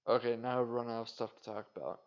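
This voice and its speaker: A man rambles through a solo podcast segment in a flat, indifferent tone, dropping swear words and self-mocking asides. His voice sits at an ordinary middle pitch. The recording is dull and lo-fi. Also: quick pace. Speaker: podcast host. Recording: dull lo-fi sound.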